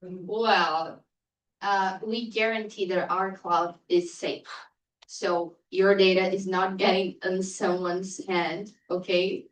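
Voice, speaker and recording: A woman presenting a startup pitch and answering audience questions in a lively, teasing way. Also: slow pace. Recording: echoey room, distant mic.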